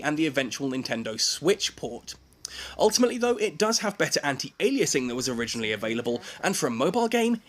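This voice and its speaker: A man's voice: on the high side, a bit bright. A man narrating a scripted video game review, with emphatic, dramatic phrasing.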